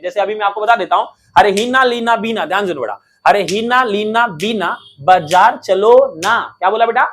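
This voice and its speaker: A man teaching a lesson in a playful, coaxing way, asking questions and answering them himself. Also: high voice. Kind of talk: classroom lesson, coaxing students.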